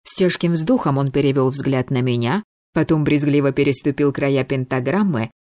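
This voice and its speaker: A woman narrating a first-person fantasy audiobook in a lively, wry storytelling manner. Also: very deep voice, no echo, studio quality.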